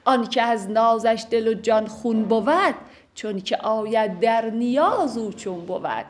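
A woman with a somewhat high voice recites old poetry in measured lines. She then unpacks each verse in casual, lively everyday speech and glosses the hard words as she goes. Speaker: teacher explaining classical poetry. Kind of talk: verse recitation with colloquial explanation.

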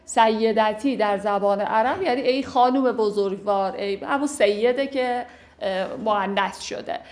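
A woman recites classical verse, then explains it line by line in lively, everyday speech. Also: mid-range voice. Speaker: teacher explaining classical poetry.

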